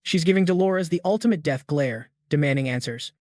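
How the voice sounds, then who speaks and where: A man's voice: fairly high pitch, fairly quick, darkish tone, no room sound, studio quality. A man narrating a comic story recap in a slangy, jokey scripted manner.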